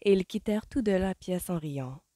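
Low-voiced woman narrating a novel. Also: animated, mellow, dry recording, studio quality. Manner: measured storytelling. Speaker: audiobook reader.

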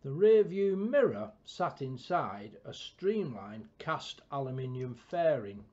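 A man giving a scripted, measured technical narration of an engineering build, with a dull lo-fi recording. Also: medium pitch, a little mellow. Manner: measured, precise technical delivery. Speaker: project narrator.

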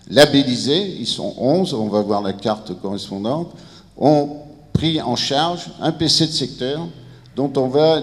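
Holding a microphone near his mouth, a middle-aged civil protection director with a mid-range voice delivers a formal, partly improvised talk at a conference. The large indoor room, full of seated listeners, gives the recording a reverberant hall sound.

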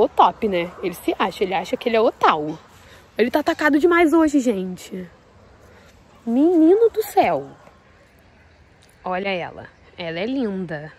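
A woman's voice: on the high side, breathy edge. A Brazilian woman vlogging by hand outdoors in the rain, shaken and trembling with nerves as she talks to her viewers. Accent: Brazilian Portuguese. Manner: shaky and nervous, shouting at a horse. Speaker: vlogger with horses. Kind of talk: casual vlog talk to camera. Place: outdoors in the rain at a horse farm.

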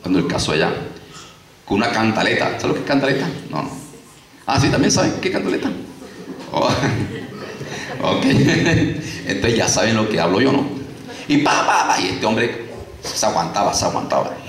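A very deep-voiced man preaches to a congregation in a lively way, repeating himself and acting out stories with sound effects. He stands away from the mic, so the hall echoes and a faint hiss sits under his voice. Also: moderate pace, long pauses, a crowd in the background. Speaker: pastor. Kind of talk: sermon. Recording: echoey room, distant mic, faint noise.

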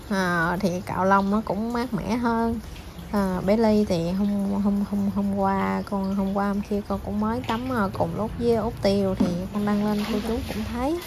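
A woman's voice: mid-range voice, darkish tone, a little hiss or hum. A young woman, chatting casually to her viewers about her pets and cooing to her dogs. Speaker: pet vlogger.

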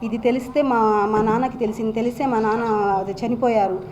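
A woman's voice: fairly high pitch, steady tone, fast talker, darkish tone, a little hiss or hum. A young woman with a Nellore Telugu accent, speaking urgently and with a grievance at a press meet, often breaking off and repeating herself. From Andhra Pradesh, India. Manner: urgent, aggrieved, many restarts and repeats. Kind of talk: emotional press statement.

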